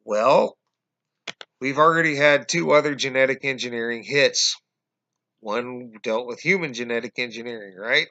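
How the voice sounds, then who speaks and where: A man in his forties hosts a conspiracy vlog, casually explaining his views to viewers he calls "guys" via webcam from a small room at home. He's hoarse and coughing, losing his voice, and his talk is halting, with many fillers and restarts. His mid-range voice is bright and forceful, and the lo-fi webcam audio sounds dull.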